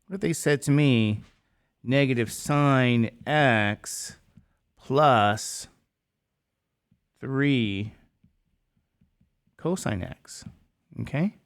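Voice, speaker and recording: Man, math teacher, unhurried lecture, questions thrown to the class. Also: medium pitch, clean tone. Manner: asks the class quick questions and answers them himself.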